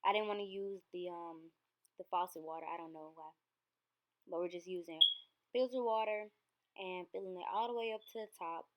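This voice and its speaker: A woman's voice: lowish voice, normal speed, pauses often, slight background noise, low-quality recording. A young woman hair vlogger giving a casual how-to walkthrough, rambling in a chatty, loose way. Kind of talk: casual how-to vlog narration.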